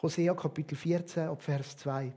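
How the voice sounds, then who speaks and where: A man with a Swiss German accent preaching a sermon as a pastor, emphatic, with loud stresses and quiet drops. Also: on the high side, fairly even intonation, moderate pace.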